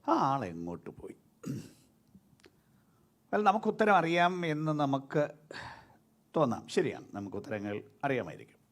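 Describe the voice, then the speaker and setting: Animated Malayali pastor preaching. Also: male voice, medium pitch, normal speed, long pauses. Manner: lively preaching, rising and dropping sharply between loud and soft; mixes English words into his speech. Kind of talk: sermon.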